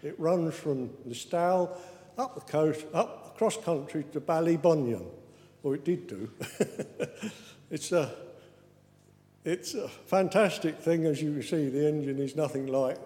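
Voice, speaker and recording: A man's voice: fairly high pitch, measured pace, mellow. A man giving a chatty, good-humoured account of a trip during an informal slide talk. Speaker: speaker describing a trip. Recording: echoey hall with long reverb.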